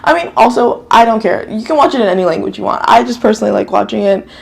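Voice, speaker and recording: A New York woman whose first language is Japanese reviews a drama casually in a fast, mid-range voice with vocal fry. She rambles, corrects herself and swears now and then.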